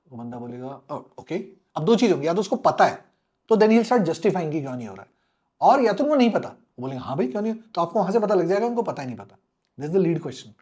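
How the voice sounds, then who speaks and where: A middle-aged former air force officer, a podcast guest, tells an animated story, mixing Hindi and English and acting out the people in it with frequent chuckles. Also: male voice, a little high.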